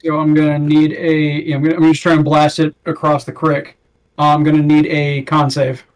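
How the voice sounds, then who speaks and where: A man with a somewhat high voice plays a tabletop game. He talks casually, reasoning out loud in a conversational way as a player among friends. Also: monotone, fairly quick, rough recording. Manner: thinks aloud.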